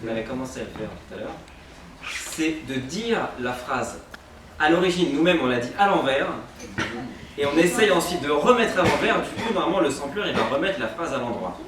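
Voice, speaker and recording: A man's voice: on the high side, animated, fairly quick. Man leading a workshop in a noisy, echoey room. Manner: patient, explains step by step. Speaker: workshop leader. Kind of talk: leading a group audio workshop. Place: large echoey room with a group. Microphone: distant microphone. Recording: echoey room, far-off mic, crowd chatter.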